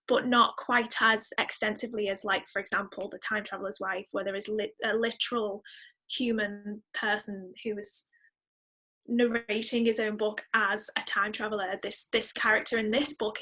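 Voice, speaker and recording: Her voice is a little high with a sharp tone as she speaks, a musician guesting on a podcast. In the casual interview she's enthusiastic and emphatic, repeating words to drive points home.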